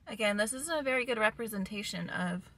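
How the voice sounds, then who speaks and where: A lifestyle vlogger in her twenties talks upbeat to the camera about products and meal prep, first in a parked car and then in her home kitchen. Her mid-range voice is expressive, fairly quick and fairly bright, with a roomy sound.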